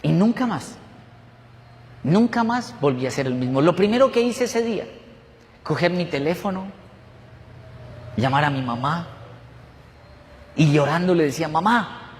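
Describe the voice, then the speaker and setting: High-voiced pastor preaching. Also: male voice, lively intonation, a little slow, long pauses, long reverb tail, a little hiss or hum. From Colombia. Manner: emotional, repetitive storytelling. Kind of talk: testimonial sermon. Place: church.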